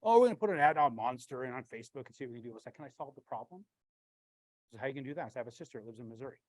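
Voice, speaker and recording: A man, a branch manager, giving a blunt, animated storytelling talk with frequent swearing and a husky voice. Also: mid-range voice, rapid-fire, dry recording, low-quality recording.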